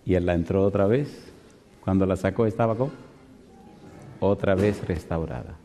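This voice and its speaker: A male pastor giving a lively sermon, constantly asking the congregation questions. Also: low voice, moderate pace. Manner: animated, asks the congregation frequent rhetorical questions. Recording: long hall reverb.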